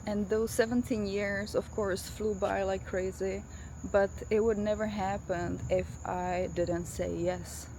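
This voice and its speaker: A woman's voice: medium pitch, level tone, measured pace. A woman in her thirties from the Czech Republic, speaking English with a Czech accent. She gives an emphatic motivational talk straight to the camera while walking her dog outside. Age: 30s. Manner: emphatic, addresses the viewer directly. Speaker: vlogger. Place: outdoors in a neighborhood after rain, walking a dog. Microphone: self-filming camera with face tracking. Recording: outdoor noise of crickets and passing cars. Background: crickets, insects and traffic.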